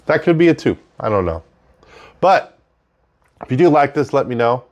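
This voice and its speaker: A man's voice: medium pitch, very animated, normal speed. A man hosting a casual unscripted monologue, talking conversationally and repeating points for emphasis, with audible breaths between his phrases. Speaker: host of a show about technical trade work.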